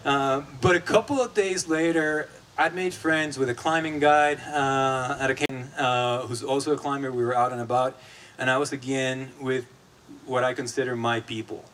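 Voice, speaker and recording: A man from Guatemala gives an opening keynote at a conference, speaking with an easy, conversational delivery. His voice sits at a middling pitch, and he talks with plenty of ums and restarts. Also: steady tone, normal speed, fairly bright tone. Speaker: executive director of an advocacy group. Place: conference stage.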